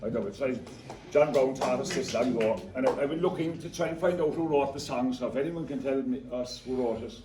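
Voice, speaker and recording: A man with a County Cork Irish accent speaks informally to a gathering, halting and repeating his words. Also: medium pitch, dark tone. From Ireland. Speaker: singer and traditional storyteller. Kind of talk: informal off-the-cuff speech to a gathering. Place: echoey indoor room before an audience. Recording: echoey room, distant mic, background noise.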